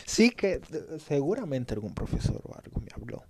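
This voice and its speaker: A man's voice: a little high, moderate pace, breathy edge. A man from the Dominican Republic with a Dominican Spanish accent touched by a Galician lilt, chatting casually and telling stories about himself with self-mocking humor. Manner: chatty, self-mocking, quoting others in lively voices. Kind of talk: casual anecdotal storytelling.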